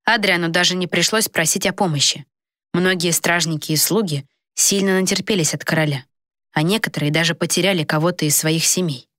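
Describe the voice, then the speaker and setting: Lower-voiced woman narrating a story. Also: brisk, fairly bright tone, dry recording. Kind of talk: audiobook narration. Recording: dry close recording.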